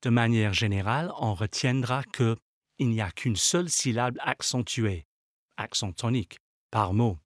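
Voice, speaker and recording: A man reading a scripted pronunciation lesson, pausing to say example words one by one. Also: medium pitch, dry recording, clean studio sound. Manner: slow, measured, reads out example words one by one. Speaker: language lesson narrator. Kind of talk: scripted instructional narration.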